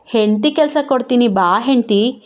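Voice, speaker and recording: A mocking young husband figure in a storybook reading, playfully sarcastic and coaxing, voiced by a woman narrator in her own fairly high voice. The voice sits a touch high for a man and is barely put on. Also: normal speed, darkish tone, lightly acted. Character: smug teasing young husband, male.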